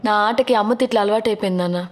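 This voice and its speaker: A woman's voice: mid-range voice, very fast, background noise, close to an everyday voice. A woman playing a tearful young woman cricketer. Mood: pleading. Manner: tearful and affectionate toward her father. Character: earnest young woman cricketer, close to her father. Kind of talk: dubbed film dialogue. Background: music.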